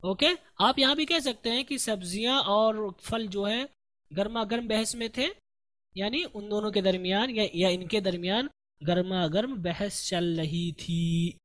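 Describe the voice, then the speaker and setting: A man teaching an English lesson, explaining a text line by line and reading the English sentences out slowly. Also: high-pitched, a bit bright. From India. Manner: slow, deliberate explaining, reads English lines very slowly.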